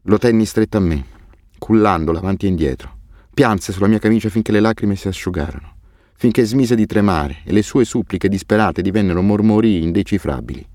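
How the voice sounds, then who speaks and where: A man narrating a novel in the first person, measured and somber. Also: fairly low pitch, darkish tone, no room sound, studio quality. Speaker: audiobook narrator.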